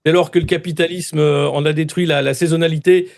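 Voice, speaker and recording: A man's voice: fairly high pitch, level tone, fairly quick, vocal fry, darkish tone. A man doing a pompous eco-militant spokesman. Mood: self-serious. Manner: earnest, pompous slogans with hesitant fillers. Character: solemn male eco-militant spokesman, self-serious.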